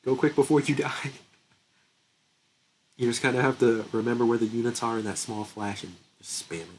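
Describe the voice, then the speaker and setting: A young gaming channel host with a medium-pitched, steady voice talks at normal speed while he plays, casual and chatty, laughing often and thinking aloud. His stuffy nose suggests an oncoming illness. There's a little hiss or hum in the recording.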